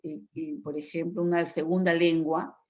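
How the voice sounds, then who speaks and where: A woman's voice: low voice, level tone, moderate pace, a little mellow. A woman teaching a lecture, explaining at length and often checking in with her listeners. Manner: explanatory, frequent tag questions. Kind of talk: online lecture. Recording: dull lo-fi sound.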